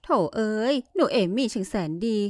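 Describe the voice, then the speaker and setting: A woman's voice: fairly high pitch, expressive, normal speed, darkish tone, no room sound, clean studio sound. A woman voicing a haughty, scolding older rich mother in a dramatized story, speaking scornfully. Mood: spiteful.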